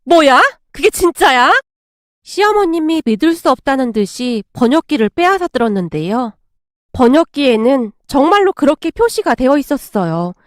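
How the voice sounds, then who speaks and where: A woman narrating a family story in a lively storytelling manner. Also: high voice, normal speed, dry recording, studio quality.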